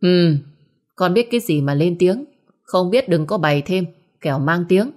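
Woman doing a shrill scheming stepmother. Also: lively intonation, moderate pace, a little mellow, close to an everyday voice. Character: sharp-tongued scheming middle-aged stepmother.

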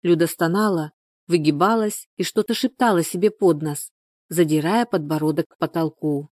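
A woman narrating a story as an audiobook, in an even, measured way. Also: lowish voice, no echo, clean studio sound.

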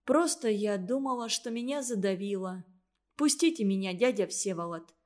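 A woman's voice: mid-range voice, animated, lightly acted. Woman whispering as a faint little schoolgirl. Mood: weak. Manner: quiet, faint, slow. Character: weak, frightened little schoolgirl.

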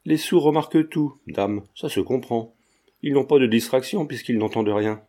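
A sly, affable old retired druggist who pretends to be deaf, read by a man. He talks in an ordinary pitch with a dark, mellow tone, like a character in a storybook. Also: moderate pace, lightly acted. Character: genial old retired druggist, feigning deafness.

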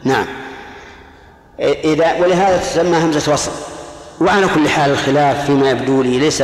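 A man teaching a classroom lecture on jurisprudence, explaining patiently and quizzing his students. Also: medium pitch. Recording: echoey hall recording.

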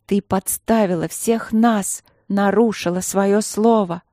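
A woman voicing a furious elder sister who shouts, stern and drawn out. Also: mid-range voice, steady tone, moderate pace, dry recording, clean studio sound, natural voice.

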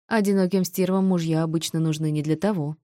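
A woman's voice: deep voice, fairly even intonation, a little fast, dark tone, dry recording, studio quality, natural voice. A woman voicing a mocking, muscular young man hired as a husband, speaking in curt, sneering lines.

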